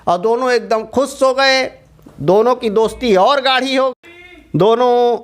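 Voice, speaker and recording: A man telling a children's story in a strikingly high voice. He speaks slowly, with lively swings in pitch, and keeps asking his young listeners questions.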